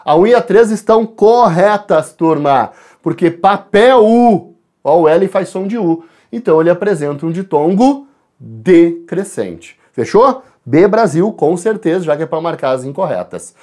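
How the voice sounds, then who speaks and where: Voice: medium pitch, animated, a little mellow. A Portuguese teacher with a Brazilian accent goes over exam questions for a class, talks to the students directly, and spells out letters and sounds aloud. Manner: shifts between quick asides and slow stressed words. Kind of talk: recorded exam-correction class.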